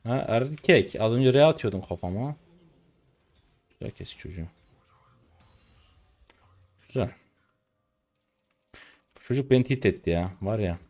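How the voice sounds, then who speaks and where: A man's voice: mid-range voice, expressive, measured pace, pauses often, a little mellow. A man in his twenties streaming a game live, ranting at his teammates in an irritated, cursing way. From Turkey. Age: 20s. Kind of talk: live gameplay commentary.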